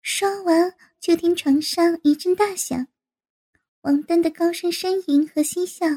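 A woman narrating an adult audio story in an unhurried, even reading style. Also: very high-pitched.

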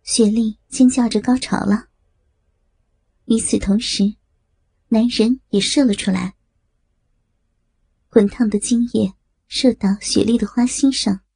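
Brief: woman narrator, slow and breathy, mellow husky tone, dry close sound. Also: on the high side, no echo. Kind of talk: erotic audio story reading.

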